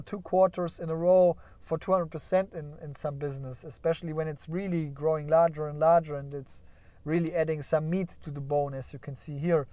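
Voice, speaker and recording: Speaking in a slightly high, somewhat mellow voice with no room sound, a stock market streamer gives casual live commentary on earnings over a shared screen. He muses out loud, keeps tossing in "yeah?", and playfully jokes that the results make him want to cry.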